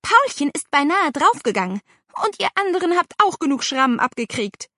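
A woman's voice: high voice, very animated, moderate pace, bright, forceful tone, no room sound, studio quality, pitched above the performer's own voice, exaggerated voice. A woman voicing a worried, strict aunt who cares for children, insistent and scolding in an audiobook.

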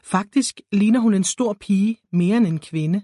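A woman reading a story aloud in a calm, even narrating voice. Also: mid-range voice, breathy edge, no room sound, studio quality. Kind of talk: scripted narration.

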